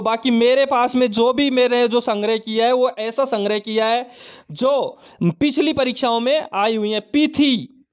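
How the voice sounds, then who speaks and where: A man's voice: very high voice, clear, resonant tone. A man teaching vocabulary for exams, repeating words over and over and quizzing himself with questions and answers. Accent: Hindi-speaking Indian. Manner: repetitive, drilling with mnemonics and self-questions. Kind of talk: online exam-prep lesson.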